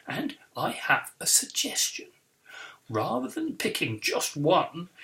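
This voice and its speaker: Man putting on a posh jolly teacher, booming, grand old-fashioned talk, lively bright voice, children's book reading. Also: heavily acted, rough recording. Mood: admiring.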